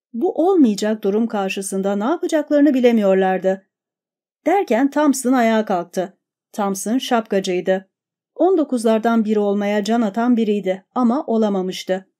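Mellow-voiced woman reading a story. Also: medium pitch. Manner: steady, expressive reading. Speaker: narrator. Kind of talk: audiobook narration.

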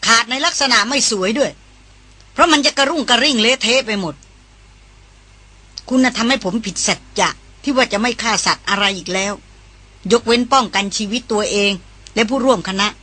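A woman's voice: on the high side, moderate pace, long pauses, pushed and bright, pitched above the performer's own voice. A woman voicing a tough, hot-tempered male jungle guide who talks in clipped, scolding commands in an audiobook.

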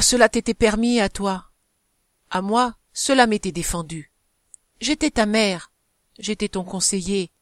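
A woman's voice: medium pitch, no echo, natural voice. Brief: guilt-ridden aging mother, read by a woman, tender and pleading, in a storybook reading with a dry close sound.

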